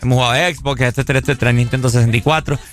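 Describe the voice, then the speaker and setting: A man's voice: medium pitch, little pitch movement, very fast. A man co-hosting a show in a casual chat, telling stories in a playful, joking way. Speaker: radio show co-host.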